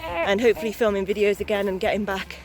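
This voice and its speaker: A woman's voice: mid-range voice, expressive, fast talker, over music. A young adult woman chatting candidly and in a rambling way for a casual vlog while out walking outdoors. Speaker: vlogger, new mother. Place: outdoors on a walk.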